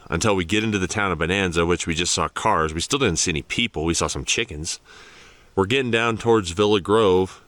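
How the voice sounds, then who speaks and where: Easygoing male vlogger, very low voice, relaxed chatty delivery. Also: clear, resonant tone, no room sound. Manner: easygoing, chatty, lots of fillers. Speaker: overlanding vlogger. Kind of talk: casual vlog narration. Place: outdoors on mountain trails and in a garage.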